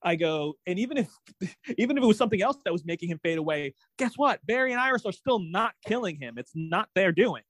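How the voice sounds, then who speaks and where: A man co-hosting a casual TV recap chat, ranting in an animated, exasperated way with many restarts. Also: high-pitched, fast, dry recording, rough recording.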